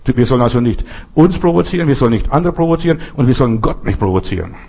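Husky-voiced preacher giving a folksy sermon. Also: male voice, mid-range voice, expressive, very fast, darkish tone. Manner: folksy, addresses listeners directly with frequent asides. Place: Berlin.

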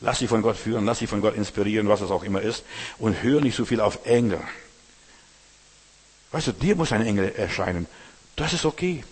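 Husky-voiced male pastor preaching. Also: lowish voice, a little fast, pauses often. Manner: colloquial, addresses listener directly with "weißt du". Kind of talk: sermon. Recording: long hall reverb.

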